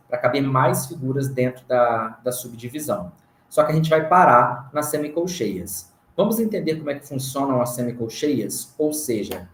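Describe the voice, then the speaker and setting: A Brazilian man teaching a recorded music theory lesson, explaining slowly and patiently and counting beats aloud. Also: medium pitch, a bit bright, slight background noise. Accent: Brazilian Portuguese. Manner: counts beats aloud and chants rhythm syllables. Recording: roomy recording.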